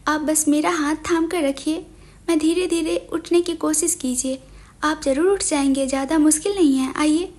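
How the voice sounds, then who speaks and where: A caring young woman with a soft, coaxing, soothing way of talking, read by a woman narrator. Her high voice fits a romance audio story. She comes across as patient and teasing. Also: fairly even intonation, moderate pace, close to an everyday voice.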